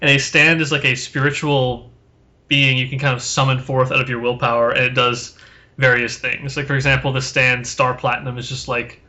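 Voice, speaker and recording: Tired, rambling man with bright voice. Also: medium pitch, flat delivery, fairly quick, muffled recording. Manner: rambling, filler-heavy, self-deprecating. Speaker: podcast co-host. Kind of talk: casual podcast chat.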